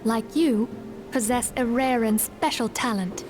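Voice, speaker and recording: A solemn leader of a secret order, voiced by a woman, speaks in formal, measured sentences full of archaic turns. Her voice sits slightly high, and game music plays clearly behind her. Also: natural voice. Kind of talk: game voice acting.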